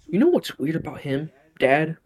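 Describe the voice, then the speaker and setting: A man's voice: a little high, very animated, normal speed, a crowd in the background. A young man co-hosting a casual chat, blunt and profane as he retells family stories. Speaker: podcast co-host.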